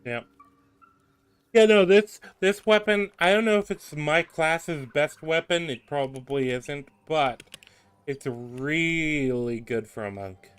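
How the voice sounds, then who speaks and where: Young male co-op gamer, smooth clear voice, a bit higher, easygoing short replies. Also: slow pace. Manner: agreeable, short replies, hesitant. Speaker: gamer co-op player. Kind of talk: casual gameplay chat.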